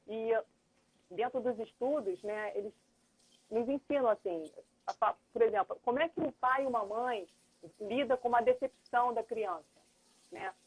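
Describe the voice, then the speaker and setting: A woman's voice: fairly high pitch, moderate pace, long pauses, husky. A middle-aged woman, a lawyer and mediator explaining things earnestly as a guest in a live chat, thinking aloud. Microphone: phone or computer on a video call. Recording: tinny phone-like livestream audio.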